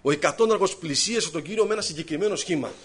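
A man preaches to his congregation in a fairly high voice. He swings from loud, raised bursts to low, hushed asides, weaving personal stories into his sermon. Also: slightly rough.

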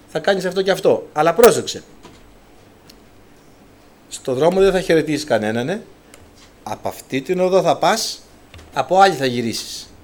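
Greek guy preaching, voice a bit high and jumping all over, acts out the bible story voices. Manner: animated storytelling, acting out biblical dialogue. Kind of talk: sermon.

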